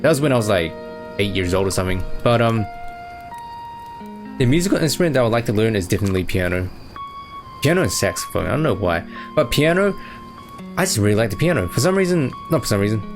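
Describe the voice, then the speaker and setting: Young male host, low-ish voice, relaxed rambling Q&A, steady music underneath. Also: quick pace, long pauses. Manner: easygoing, rambling, lots of fillers. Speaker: channel host answering fan questions. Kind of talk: casual chat. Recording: music playing behind.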